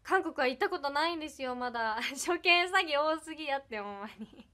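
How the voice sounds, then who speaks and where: A woman's voice: high voice, lively intonation, fairly quick, sharp tone. Bubbly young woman with Iyo dialect. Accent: Iyo dialect with some Kansai. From Ehime, Japan. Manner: bubbly, giggly, thanks viewers one by one. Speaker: idol livestreamer. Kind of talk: casual livestream chat reading comments.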